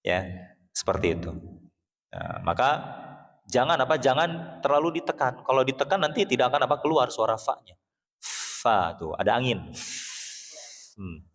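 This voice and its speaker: A man from West Java with a Sundanese accent, teaching Quran recitation in a mosque. He patiently explains how the letters sound, then chants verses slowly for the class to repeat, and often clears his throat. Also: mid-range voice, very animated. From Sundanese region of West Java, Indonesia. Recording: long reverb of a mosque hall.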